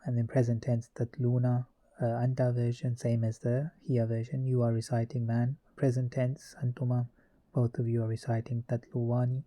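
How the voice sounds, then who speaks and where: A man's voice: mid-range voice, moderate pace. A man teaching a grammar lesson, methodically reciting verb conjugations one form after another. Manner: methodical, reciting verb forms in a steady list.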